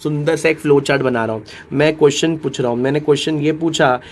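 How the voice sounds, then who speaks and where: A man's voice: fairly high pitch, fairly even intonation, fast talker, slight background noise. A man teaching an exam-prep law lecture, talking animatedly, repeating key phrases and speaking directly to his students.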